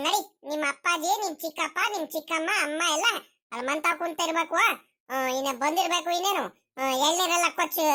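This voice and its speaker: A woman voicing a gentle, protective village grandmother in a cartoon comedy, coaxing and pleading. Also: extremely high pitch.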